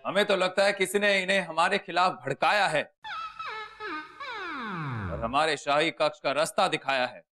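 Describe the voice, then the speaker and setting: A man's voice: on the high side, normal speed, long pauses, lightly acted. Man acting as a haughty make-believe emperor. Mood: imperious. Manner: grand royal "we", haughty commands. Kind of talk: TV comedy acting. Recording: music under the scene.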